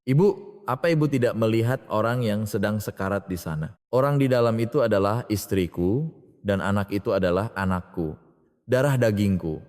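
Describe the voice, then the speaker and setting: A man's voice: on the low side, normal speed, a little mellow, natural voice. A man voicing a cold, firm young husband and father protecting his family, in a storybook reading with long reverb.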